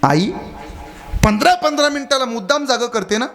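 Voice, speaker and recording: A man's voice: extremely high pitch, animated, moderate pace, a bit bright, voice pushed up. A man in a kirtan sermon voicing a grown son who pleads and complains after being woken again and again. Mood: exasperated. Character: exasperated grown son, worn out from no sleep. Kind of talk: kirtan storytelling.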